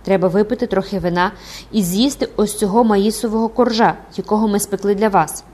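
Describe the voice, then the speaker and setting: A woman's voice: medium pitch, fairly even intonation, a little fast, close to an everyday voice. A woman doing a kindly coaxing townswoman. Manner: gentle, insistent coaxing. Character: kindly, simple-hearted townswoman coaxing gently.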